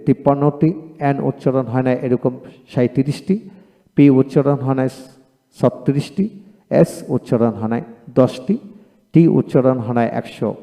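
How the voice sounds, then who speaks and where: A man teaching a lesson, methodically listing item after item with counts in a steady explaining voice. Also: medium pitch. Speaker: English teacher. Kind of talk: instructional explanation. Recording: long hall reverb.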